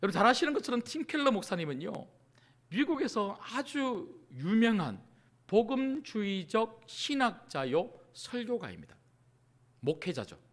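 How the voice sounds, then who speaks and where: A middle-aged male pastor preaching with a high, bright, sharp-edged voice. His pitch jumps and dips with animated energy. He peppers his congregation with rhetorical questions and acts out desperate pleas before sinking to a near-whisper. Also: moderate pace. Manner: swings from loud cries to hushed near-whispers. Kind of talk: sermon.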